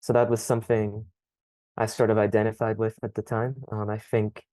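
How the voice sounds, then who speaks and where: A young man answering interview questions thoughtfully, pausing often with ums. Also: fairly low pitch, flat delivery, dark tone, dry recording. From Scotland. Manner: thoughtful, hesitant, frequent ums. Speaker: podcast guest.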